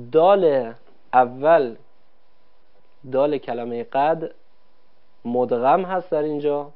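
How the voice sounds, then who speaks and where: A man teaching Quran recitation rules in a formal televised lesson, polite and explaining step by step with questions to viewers. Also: mid-range voice. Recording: dull lo-fi broadcast audio.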